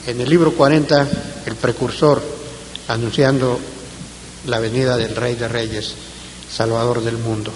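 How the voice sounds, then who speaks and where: A slightly high-voiced man preaching in a church hall, reading scripture in a measured, deliberate way. His phrase endings drop away softly. A long reverb rings behind him, with a faint hiss on the recording. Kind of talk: Bible-study sermon with scripture reading.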